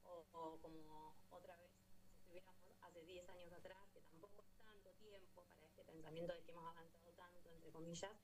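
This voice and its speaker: Thoughtful Argentine woman, low voice. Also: little pitch movement, a little fast, few pauses, poor audio. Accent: Argentine Spanish. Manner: thoughtful, many fillers and restarts. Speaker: actress and playwright. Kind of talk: interview answer.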